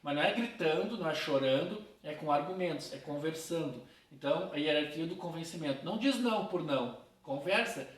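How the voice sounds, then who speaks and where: A man's voice: on the high side, animated, brisk, hardly any pauses. A man teaching a philosophy class in a casual way, talking straight to his students. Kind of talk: recorded class lecture. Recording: roomy, from a distance.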